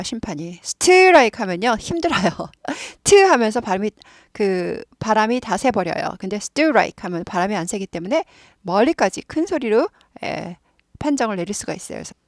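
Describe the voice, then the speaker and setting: A woman's voice: a little high, no echo, clean studio sound. A woman teaching English pronunciation, repeating words over and over and explaining them patiently.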